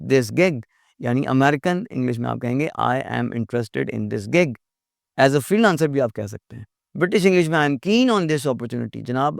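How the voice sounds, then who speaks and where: Gravelly-voiced man lecturing. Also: medium pitch, a little mellow, no echo, studio quality. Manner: explanatory, repetitive, addresses listener politely. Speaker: English teacher.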